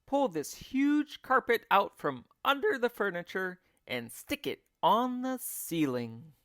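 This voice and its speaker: A frantic monkey dad from a children's storybook, acted out by a male reader. He barks urgent orders in a raised, swooping pitch, bossy and exclamatory, with a dry, close sound. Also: sing-song, slow, a bit bright, dry recording, exaggerated voice. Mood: excited, commanding. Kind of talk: children's storybook character reading.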